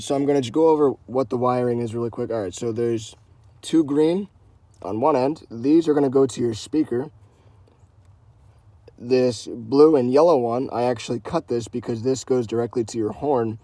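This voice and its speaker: This is the host of a how-to car channel, a man with a medium-pitched, dark voice and no room sound. He talks casually and informally through each step, leaning on repeated instructional phrases in hands-on tutorial style.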